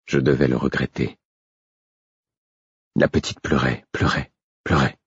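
A man narrating a story in the first person, reading in a calm and measured way. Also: rumbling low, slightly rough, no room sound, muffled recording. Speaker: audiobook narrator.

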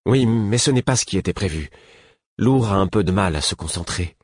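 A man voicing an eager, impatient young prince in a lively, excitable voice. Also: lowish voice, brisk, breathy edge, no room sound, clean studio sound. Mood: exasperated.

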